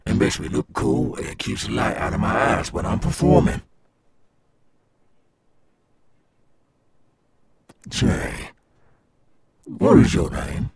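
A man playing a cool, swaggering animatronic alligator rockstar in an ASMR roleplay, gravelly and coaxing, as if talking to a child. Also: on the low side, expressive, darkish tone, full character voice. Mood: easygoing, friendly. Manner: slow, coaxing, addressing a child listener. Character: cool, swaggering male animatronic alligator rockstar guarding his golf course.

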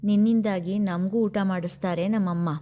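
A woman voicing a playful young woman who teases in a mocking, drawn-out way. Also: mid-range voice, steady tone, mellow, slight background noise, close to an everyday voice. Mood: teasing.

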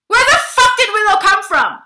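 Reading a play theatrically from home via webcam, this woman in her thirties uses a very high, sing-song voice at moderate pace, pushed and bright. The small bare-walled room makes it echoey, and her narration is emphatic and dramatic.

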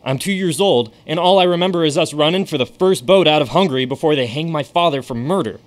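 In a radio drama, an actor plays a famous stage magician who is now a ghostly guide, bringing a secretive showman's flair. His voice is a little high and fast, with a lightly acted delivery.

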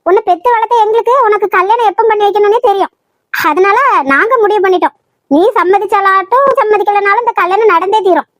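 Strict cartoon mother voiced by a woman, scolding, very high voice, Kanyakumari Tamil accent. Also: fast talker, no room sound, studio quality. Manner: loud, scolding, insistent. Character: strict nagging middle-aged mother.

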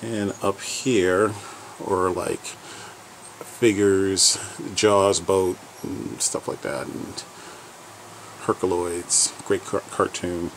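Low slow-talking man touring his basement. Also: little pitch movement, slight background noise, low-quality recording. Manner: rambling item-by-item listing with fillers. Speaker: collector giving a home tour. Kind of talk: casual vlog tour narration. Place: home basement.

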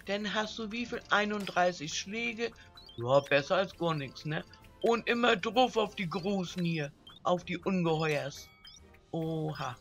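A woman hosting a casual let's play, chatting to her viewers and cooing at little game characters as if they were pets, swinging from low muttering to high exclamations. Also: a bit bright.

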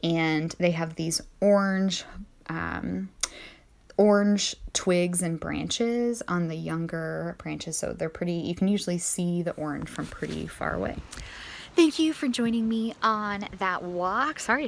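A young woman from the eastern United States leads young children on a casual nature-walk lesson outdoors in a sunny neighborhood, sounding chatty and upbeat. Her voice is on the low side, gravelly and measured, recorded on a phone held at arm's length.

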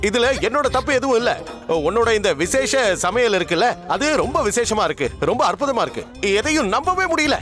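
A man playing a good-natured middle-aged king in a dubbed TV drama, hesitant and stammering at times, with lively pitch over background music. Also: fairly quick, full character voice. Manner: hesitant, stammering when unsure.

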